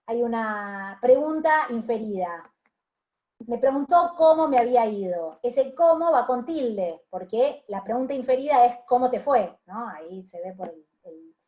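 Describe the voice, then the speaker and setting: A woman's voice: a little high, mellow. A woman lecturer with a Rioplatense Spanish accent, giving feedback in an online class, hesitant, with many fillers and restarts. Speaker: university lecturer.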